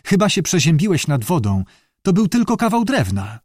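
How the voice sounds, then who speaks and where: A man's voice: fairly high pitch, wildly swooping pitch, moderate pace, a little mellow, no room sound, voice pushed up. Man doing an earnest worried son, slightly raised voice, dry close sound. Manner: pleading, concerned. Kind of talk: audiobook character voice.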